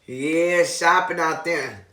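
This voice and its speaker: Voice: medium pitch, takes it slowly, pushed and bright. A person chatting casually and effusively to viewers as a video host, often repeating phrases. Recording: echoey room.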